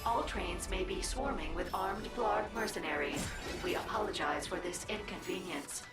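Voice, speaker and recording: Train station announcer, loudspeaker PA, formal, echoey, distant. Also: female voice, lowish voice, normal speed. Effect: public address loudspeaker. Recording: distant echoey PA over loud game music.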